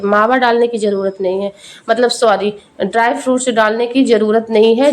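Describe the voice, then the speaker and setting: Young woman, cooking vlog narration, chatty, homely, fairly high voice. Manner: chatty and homely, addressing viewers directly. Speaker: cooking vlogger.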